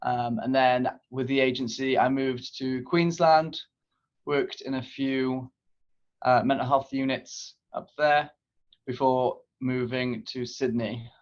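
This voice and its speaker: A man answers interview questions as a guest. His tone is very flat and matter-of-fact, and he often starts with an um. The audio is dull and lo-fi. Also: mid-range voice, slow pace. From Wales. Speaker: nurse guest. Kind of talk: casual interview.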